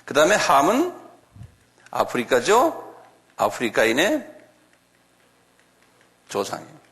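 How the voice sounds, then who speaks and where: A middle-aged man teaching a slow, step-by-step classroom Bible lecture, often asking the class to repeat words aloud. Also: mid-range voice, wildly swooping pitch, fairly bright tone. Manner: chuckles, talks directly to students.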